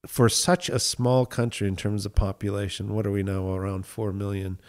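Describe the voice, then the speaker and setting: A middle-aged man from the United States, talking as a winemaker guest in a relaxed interview, thoughtful and enthusiastic with frequent fillers. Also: fairly low pitch, normal speed.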